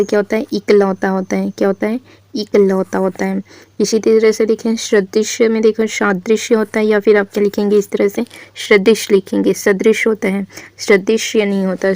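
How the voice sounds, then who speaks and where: A woman teaching a spelling lesson in a patient, repetitive question-and-answer style, her voice mellow and steady with little rise and fall. The sound is close and dry, with no room around it. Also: mid-range voice, no echo. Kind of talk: exam-prep spelling lesson.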